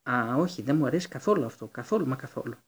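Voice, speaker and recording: A man's voice: mid-range voice, lively intonation, slightly rough. A man reading an audiobook, voicing a nervous teenage girl witch who mutters fretfully. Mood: anxious.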